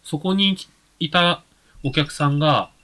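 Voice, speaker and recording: A man co-hosting a podcast in relaxed casual chat, laughing often. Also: a little high, takes it slowly. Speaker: podcast co-host.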